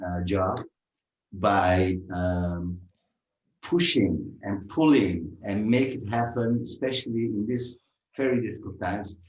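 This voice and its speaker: A man from Turkey, a musician speaking in measured, hesitant English with many pauses. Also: low-pitched, darkish tone. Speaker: musician guest. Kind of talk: festival talk in English. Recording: roomy, from far off.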